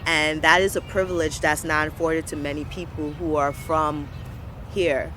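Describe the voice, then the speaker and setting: This young business owner from Brooklyn, New York, talks passionately and earnestly about her community in a personal testimony, often repeating words for emphasis. Her voice is low-pitched yet a bit bright, level in tone, at a moderate pace. The recording was made on a street with traffic.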